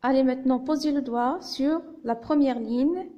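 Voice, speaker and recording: A primary school teacher with a Moroccan accent leads young children through a slow phonics reading lesson, patiently sounding out letters and syllables. Her voice is high and mellow, and the recording's high frequencies are cut off.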